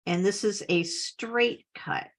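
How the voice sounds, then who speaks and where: A scrapbooking instructor gives a casual, chatty tutorial, upbeat and sprinkled with little laughs, with a slight cough. Her voice is mid-range and she speaks slowly.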